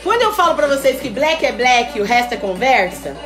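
High-voiced, chatty woman selling live. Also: fairly quick. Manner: lively, chatty and teasing, calls viewers "mulher". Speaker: host selling wigs on a live stream. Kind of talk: live-stream sales chat reading viewer comments. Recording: echoey room with faint music. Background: faint background music.

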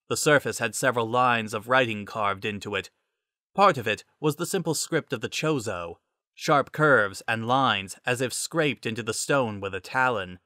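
A man narrating a story as a scripted dramatic reading, in a measured, solemn storytelling manner. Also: mid-range voice, pushed and bright, dry recording, clean studio sound.

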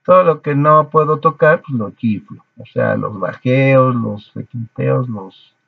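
A man's voice: medium pitch, a little slow, gravelly, breathy edge, no echo, narrow, tinny audio. A man with a Mexican accent chatting casually to his viewers between cover songs, rambling and correcting himself as he goes. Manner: rambling, self-correcting, chuckling. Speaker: YouTube cover musician.

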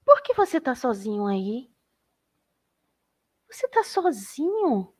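A woman voicing a gentle male traveler who admires and comforts a little bird, speaking slowly and effusively in a storytelling voice. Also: mid-range voice. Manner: effusive, slow and exclaiming.

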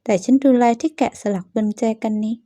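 A woman voicing a manga story, speaking in a thoughtful, quiet inner-monologue tone. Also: fast talker, dry recording. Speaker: manga dub voice actor.

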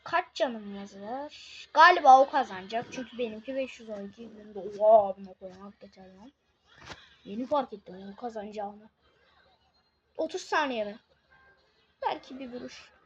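A woman giving casual live commentary on her own game, excitable, swinging from muttering to shouting. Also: on the high side, moderate pace, lo-fi sound.

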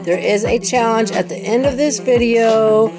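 A woman's voice: fairly high pitch, moderate pace, music in the background. A woman in her thirties chatting casually to viewers while cleaning her small home kitchen, rambling with fillers. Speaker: cleaning vlogger. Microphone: phone camera nearby.

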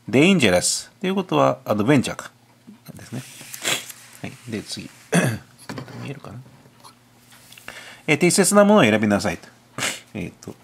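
Husky man explaining an English test. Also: medium pitch. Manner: talks himself through answers, muttering asides. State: has a cold. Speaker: cram school teacher. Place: tutoring classroom.

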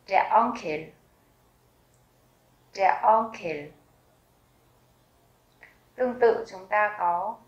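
Woman teacher, mid-pitched, unhurried, repeats every word with care; roomy echo around the voice. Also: a bit bright. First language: Vietnamese. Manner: slow, careful repetition of each word. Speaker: German language teacher. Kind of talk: vocabulary lesson with slow repetition.

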